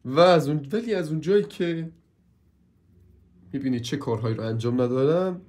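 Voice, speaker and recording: A man with a cold and a hoarse voice, complaining as he reviews a purchase in a casual hands-on video and keeps asking viewers for help. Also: fairly high pitch, a little mellow.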